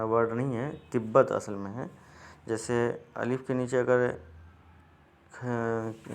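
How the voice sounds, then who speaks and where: Man, patient teacher, repetitive step-by-step explanation, mid pitch. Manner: patient, repetitive, frequent restarts.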